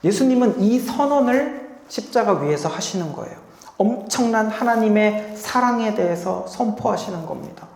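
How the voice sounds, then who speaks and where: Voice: mid-range voice, animated, moderate pace, gravelly, a little mellow. A pastor giving a Sunday sermon in a church sanctuary, telling it like a story and leading the congregation in reading together. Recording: echoey hall with long reverb.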